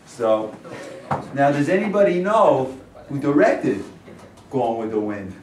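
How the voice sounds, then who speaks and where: Introducing a staged reading, an older playwright and director welcomes the audience informally, taking it slowly in a mid-range voice with big pitch swings. He is emphatic and rhetorical, frequently asking listeners "right?" or "okay?". The setting is a medium-sized indoor rehearsal room, recorded by a camera mic several metres off, so the audio sounds roomy and distant with faint noise.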